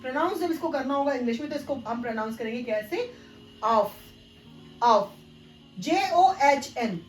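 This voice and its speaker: A woman teaching English pronunciation, spelling words out letter by letter and slowly correcting common mistakes. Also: high voice, animated, reverberant, faint music behind, low-quality recording. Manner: corrective, addresses viewers as guys. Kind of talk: spoken English pronunciation lesson.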